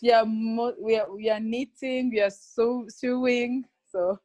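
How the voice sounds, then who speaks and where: A woman's voice: on the high side, level tone, unhurried, mellow, no echo. A woman from Rwanda, an entrepreneur guest, speaking cheerfully and hesitantly with many uhs on a video call. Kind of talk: casual video-call chat.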